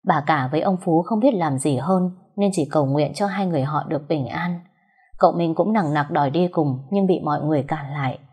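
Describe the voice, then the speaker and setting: A woman narrating a story in a steady, measured reading. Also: sits low, slightly rough.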